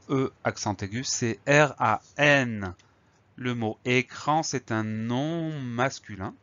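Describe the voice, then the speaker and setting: A man's voice: mid-range voice, fairly bright tone, no room sound, highs cut off. Patient man spelling out words. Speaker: teacher. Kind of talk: spelling lesson.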